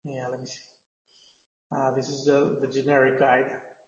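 A man giving an improvised online university lecture, speaking haltingly with frequent filled pauses and repeated words. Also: mid-range voice, monotone, a little mellow. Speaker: university language teacher. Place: indoor room, teaching a live online class. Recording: echoey reverberant room, muffled audio.

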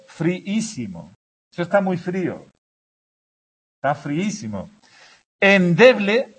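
Male language teacher, husky and a bit high-pitched, patient explainer. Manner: explanatory, checks understanding with frequent "¿de acuerdo?". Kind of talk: grammar lesson to a class.

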